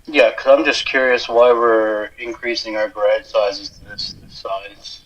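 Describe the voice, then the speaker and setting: A councillor calling in to a meeting over a remote line that keeps cutting out, asking questions with hesitant fillers. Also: male voice, on the low side, steady tone, measured pace, a bit bright. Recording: dull lo-fi call audio.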